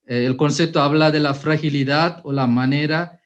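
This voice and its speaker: A man, a priest and formator sharing his own story at a workshop, unhurried, with frequent hesitations and self-corrections. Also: on the high side, steady tone, muffled recording. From Sri Lanka. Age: 30s. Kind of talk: personal testimony at a workshop.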